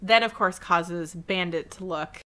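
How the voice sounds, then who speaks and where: A woman co-hosting a podcast, recapping a cartoon episode in a casual, animated way with frequent laughs. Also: on the low side. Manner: animated storytelling with laughs and quick asides. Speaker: podcast co-host.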